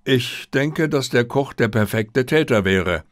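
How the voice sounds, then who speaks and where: A man's voice: medium pitch, expressive, measured pace, no room sound, clean studio sound, natural voice. A man reading an earnest, plain-spoken, opinionated doctor, companion to a detective, in an audiobook. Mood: earnest, speculating.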